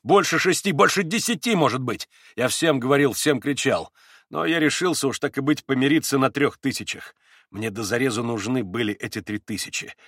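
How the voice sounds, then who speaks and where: A man reading aloud and voicing an agitated young man under questioning who talks fast, nervously and effusively. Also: mid-range voice, animated, fairly bright tone, dry recording, clean studio sound. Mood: heated.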